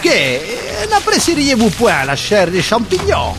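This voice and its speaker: A man's voice: sits high, wildly swooping pitch, a little slow, over loud music, heavily acted. A man playing a cheeky, theatrical, taunting young elf, declaiming mockingly in a rhyming comic fantasy audio drama. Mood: mock-courteous.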